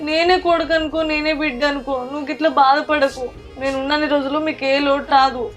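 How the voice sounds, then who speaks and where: A woman's voice: sits high, steady tone, quick pace, soft background music, close to an everyday voice. An actress playing a young pregnant daughter, soothing and reassuring her grieving parents.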